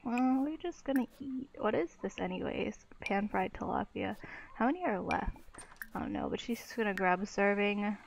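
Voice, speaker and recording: A woman's voice: medium pitch, moderate pace, gravelly, slight background noise. A young woman giving casual, exclamatory commentary while playing a life-sim game, swearing freely. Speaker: let's play gamer.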